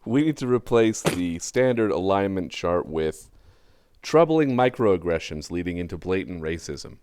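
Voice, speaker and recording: A man's voice: deep voice, lively intonation, moderate pace, a little mellow, clear, resonant tone, dry recording. A man hosting an online party trivia game, reading prompts aloud in a laid-back drawl and laughing often. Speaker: game show host. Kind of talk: casual online game chat.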